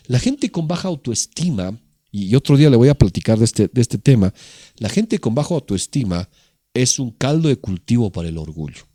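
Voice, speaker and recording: A man's voice: mid-range voice, dark tone, dry recording, studio quality. A male pastor preaching a sermon, asking rhetorical questions and acting out little quoted scenes.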